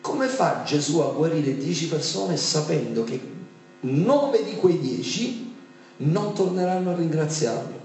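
High-voiced preacher in an echoing hall. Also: male voice, animated, measured pace, darkish tone, faint music behind. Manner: emphatic, rhetorical questions to the congregation. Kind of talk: sermon. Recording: echoey room from a distance.

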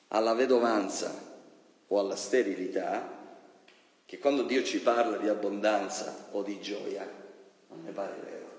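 Man preaching in an echoey hall. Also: on the low side. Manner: dramatic, swings from soft to loud, acts out quoted voices. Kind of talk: sermon. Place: church hall. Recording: echoey church hall with long reverb.

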